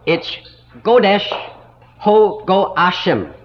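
A man teaching a Bible school lesson in a slow, deliberate way, stopping to spell out words letter by letter, heard on an old 1960s tape recording. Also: high voice, sing-song, highs cut off.

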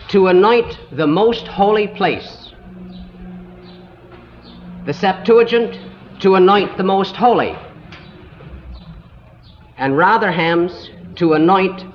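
A man teaching a Bible school lesson in a slow, deliberate way, stopping to spell out words letter by letter, heard on an old 1960s tape recording. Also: high-pitched, dull audio, slight background noise.

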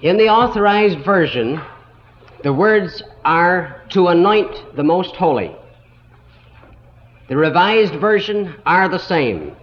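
A man teaching a Bible school lesson in a slow, deliberate way, stopping to spell out words letter by letter, heard on an old 1960s tape recording. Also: sits high, very animated, lo-fi sound, a little hiss or hum.

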